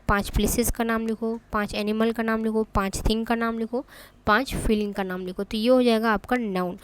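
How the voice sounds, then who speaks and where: Lady teacher, higher voice, slow careful examples, keeps saying okay. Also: clean tone. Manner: repeats "ठीक है" often, spells out examples slowly. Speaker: English grammar teacher. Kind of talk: exam-prep grammar lesson.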